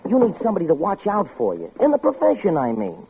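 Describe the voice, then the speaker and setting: A man's voice: sits high, wildly swooping pitch, fast talker, vocal fry, exaggerated voice. An actor playing a pushy, slangy backstage man hitting on a showgirl in a 1950s radio drama. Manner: slangy, wheedling come-ons. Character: pushy, sleazy backstage wolf. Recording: tinny old radio broadcast with hiss.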